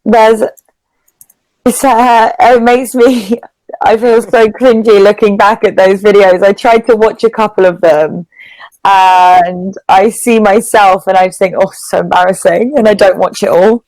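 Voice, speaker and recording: Over a video call, a British-accented English tutor from England holds a casual conversational lesson, using simple wording for her student. She speaks at a measured pace in a medium-pitched, darkish voice with fairly even intonation. The recording is low quality, with no room sound.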